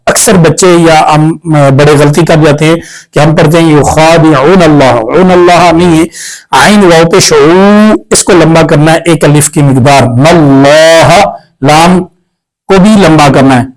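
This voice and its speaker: A fairly high-voiced man with a Pakistani Urdu accent, teaching Quran recitation step by step. He spells out letters and vowel marks, stretches the sounds out slowly, then explains each rule in a quick, matter-of-fact way. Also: steady tone, poor audio. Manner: slow drawn-out syllables when reciting, brisk when explaining.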